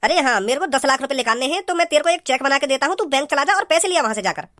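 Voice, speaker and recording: A performer voicing a domineering, crude gang boss and stern father, with a pitched-up cartoonish voice. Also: expressive, racing, bright, forceful tone. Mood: scolding. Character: bossy, greedy thief gang leader and stern father.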